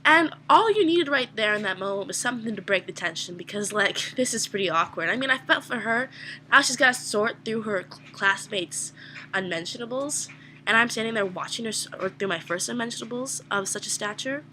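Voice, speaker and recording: A woman's voice: on the high side, lively intonation, fairly quick, pushed and bright, a little hiss or hum. A young woman vlogger telling an embarrassing story in a casual, self-mocking, rambling way.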